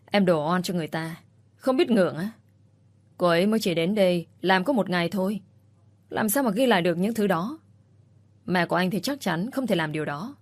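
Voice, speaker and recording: A woman's voice: on the low side, expressive, fairly quick, pauses often, no room sound. A woman reading the lines of an angry young husband, in an accusing manner.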